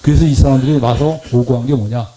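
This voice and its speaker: A man preaching a Sunday sermon in a church, telling stories, putting questions to the congregation and acting out quoted speech. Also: quick pace. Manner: lively storytelling, asks the congregation questions; acts out quoted Bible speech with big pitch swings. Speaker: lay preacher.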